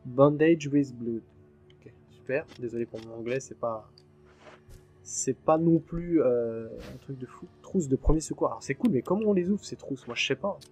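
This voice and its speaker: A man talks his way through a horror game, chatting to viewers and letting curses fly whenever something jumps out. His voice sits at an ordinary middle pitch, with quiet game music running underneath. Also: animated, normal speed. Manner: chatty and jumpy, swears freely when startled. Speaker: gaming channel host. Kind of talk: let's play commentary.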